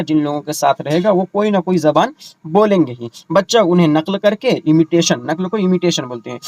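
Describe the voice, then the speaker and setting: A man teaching an online exam-prep lesson. He explains terms slowly, repeats them with English equivalents and asks the students rhetorical questions. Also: fairly high pitch, no room sound.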